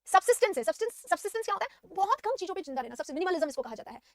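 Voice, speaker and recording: A woman teaching vocabulary in Hindi. She reads definitions slowly and keeps asking and answering her own questions. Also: extremely high pitch, big pitch swings, no echo, clean studio sound. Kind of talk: vocabulary lesson.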